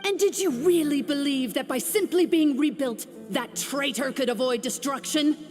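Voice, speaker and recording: A woman's voice: high voice, a little mellow, natural voice. A woman voicing an almighty dragon lord in a video game, a haughty ancient female tyrant who speaks with grandiose scorn. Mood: menacing. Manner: grandiose, scornful, slow and commanding. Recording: game audio with long reverb. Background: game music.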